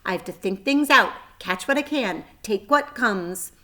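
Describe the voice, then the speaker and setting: Here the storybook's clever lady spider, read by a woman, sounds earnest and animated, a little slow, her thin, pleasant, high-pitched voice pushed and bright. Her speech stays genteel and articulate, kindly but matter-of-fact.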